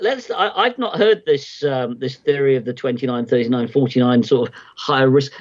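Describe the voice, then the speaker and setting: A man's voice: fairly high pitch, highs cut off. A man guest on a podcast, explaining at length in a conversational way, with lots of ums and restarts. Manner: rambling, many ums and restarts. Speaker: podcast guest, market timing analyst.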